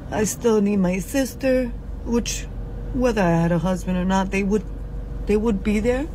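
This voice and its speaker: A crying woman in her forties speaking haltingly into her phone, recorded inside a car. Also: mid-range voice. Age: 40s. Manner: halting, pausing speech. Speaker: social media poster. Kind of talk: tearful confessional selfie video. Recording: phone audio with car noise.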